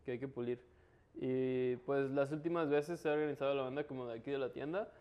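A man's voice: mid-range voice, fairly even intonation, fairly quick, smooth, dull audio. A man with a Mexican Spanish accent explaining things in a casual, slangy conversation. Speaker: interview guest, local trail biker.

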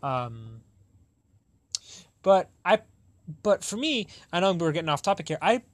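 A man's voice: high voice, big pitch swings, measured pace. Rambling young man, podcast host. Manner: rambling, self-correcting, laughs often. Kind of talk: casual chat.

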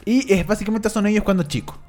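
A man's voice: high voice, steady tone, fast talker, a little mellow, faint music behind. A young Chilean man chatting casually, rambling with lots of fillers and tag questions. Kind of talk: casual chat.

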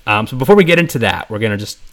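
A man's voice: on the low side, animated, very fast, a bit bright. A man hosting a casual podcast interview over a video call, joking and laughing often. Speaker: podcast host.

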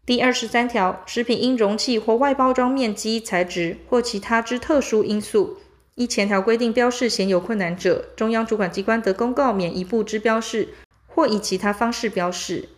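A woman reads statute text aloud in a formal, measured and methodical way, item by item. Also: fairly high pitch. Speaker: reader of legal text.

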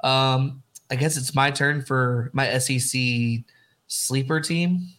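A man co-hosting a casual sports podcast, animated and emphatic, often repeating himself. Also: medium pitch, slow. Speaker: podcast co-host.

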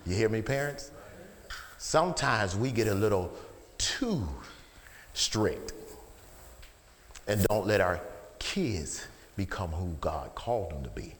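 Fiery preacher with lively pitch swings. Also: male voice, takes it slowly, pauses often, a little hiss or hum. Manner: swings from low murmurs to shouted calls of "Amen?". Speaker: pastor. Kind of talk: sermon. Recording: long hall reverb.

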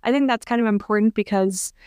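A chatty woman hosts a casual podcast interview. Her voice is smooth and clear, set at a middling pitch, and it sounds close and dry with no room around it. She talks loosely, full of fillers. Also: fast talker, darkish tone, no room sound. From United States. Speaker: podcast host.

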